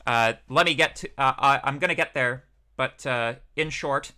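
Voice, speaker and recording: A man's voice: mid-range voice, normal speed, pushed and bright, smooth. A young man, a PhD student teaching a university course, giving a casual livestreamed lecture in a chatty, rambling way with many fillers.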